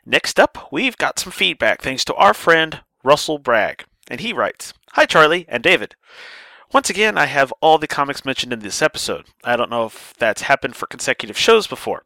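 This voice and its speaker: A podcast host talks casually in a medium-pitched, gravelly voice at normal speed, sounding stuffy after a sinus infection. He's lively, joking and poking fun at himself, with no echo on the recording.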